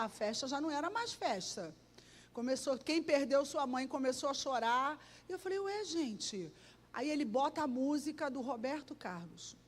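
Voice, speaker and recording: A Brazilian woman pastor with a Rio de Janeiro accent, preaching a sermon full of lively personal stories, acting out dialogue and breaking into song. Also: sits high. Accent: Rio de Janeiro Portuguese. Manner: animated storytelling, acts out dialogue, sings bits. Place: church hall. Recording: church hall reverb.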